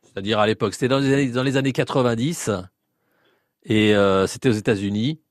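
A man hosting a live radio quiz as a game show host, drawing out questions and tossing in quick asides. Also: mid-range voice, no echo, studio quality. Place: radio studio.

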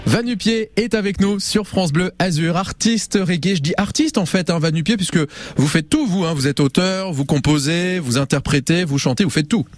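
Male live radio presenter, raised pitch, improvised conversational delivery over soft music. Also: animated, normal speed. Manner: conversational, improvised, hesitant phrasing. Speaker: radio host.

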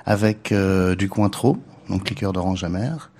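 A man's voice: deep voice, a little slow, darkish tone, slightly rough. A man, a bartender, explaining a cocktail on a live radio show in a matter-of-fact way.

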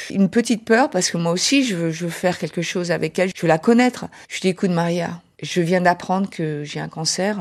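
A woman's voice: on the low side, darkish tone. Woman, american accent, middle-aged, hesitant with many fillers, interview guest. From United States. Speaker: guest chef. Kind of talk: personal interview talk.

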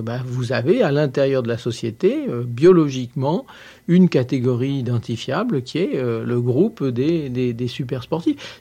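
Gravelly, dark-voiced male guest. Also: mid-range voice. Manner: hesitant, searching for words. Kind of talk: radio discussion.

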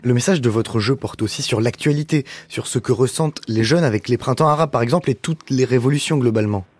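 A man hosting a radio interview, asking questions in a measured, formal way from a studio. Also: mid-range voice, a little mellow, no room sound. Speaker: radio host.

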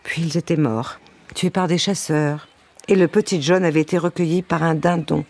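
A woman storyteller reading a children's story aloud, with a gentle, wry narration and playful asides. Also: low-pitched, fairly even intonation, moderate pace.

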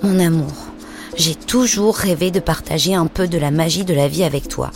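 A woman's voice: sits low, moderate pace. Woman playing a tender, secretive mother. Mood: pleading. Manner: tender, hushed. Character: gentle, mysterious young mother. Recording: music playing underneath.

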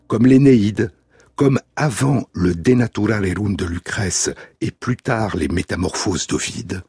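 Slow, deeply husky male radio narrator. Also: dry recording, clean studio sound. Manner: measured, deliberate reading, tapping out verse rhythms in syllables. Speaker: radio host. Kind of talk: scripted radio essay narration.

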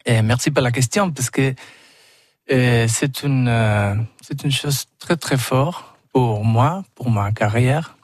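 A man with a foreign, Argentine Spanish accent in French gives interview answers at a slow pace. He searches for words and builds halting, non-native sentences. The sound is dry, with little room around him. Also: mid-range voice, no room sound. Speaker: festival artistic director, tango teacher and dancer.

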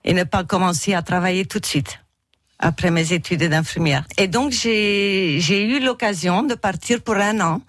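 A Dutch-speaking woman in her sixties from Flemish Belgium chats as a radio interview guest in French, her second language, with a Flemish accent. She searches for words, using many fillers and pauses. Her voice is lowish and there is no echo.

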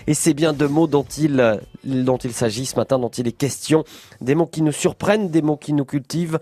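A man hosting a live call-in radio show from a studio, lively and jokey with his guest. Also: on the high side, normal speed, no echo, faint music behind. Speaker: radio host.

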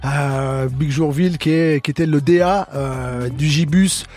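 A man's voice: fairly high pitch, measured pace, darkish tone. A man chatting playfully as a DJ guest in a radio studio. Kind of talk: casual radio chat.

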